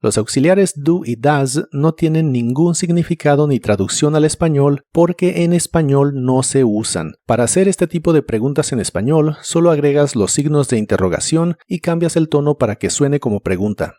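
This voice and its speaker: Calm man narrating a language lesson. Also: a little high, no echo, studio quality. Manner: calm, even explanatory delivery, slows down for English example phrases. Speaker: English teacher.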